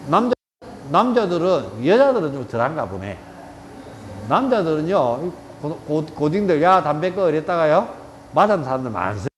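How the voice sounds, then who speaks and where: A man's voice: a little high, very animated, normal speed, slight background noise. Blunt middle-aged man with a Gyeongsang accent. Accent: Gyeongsang Korean. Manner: blunt, joking, coarse slang. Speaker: yoga teacher. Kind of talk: casual lecture with anecdotes. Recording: reverberant room with faint ambience.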